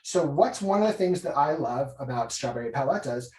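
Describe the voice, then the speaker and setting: This medium-pitched, darkish male voice moves with lively intonation at a fairly quick pace. He is a guest illustrator thinking aloud while he draws, informal and excited, in a relaxed art demo and chat. The room echoes, and he sits away from the microphone.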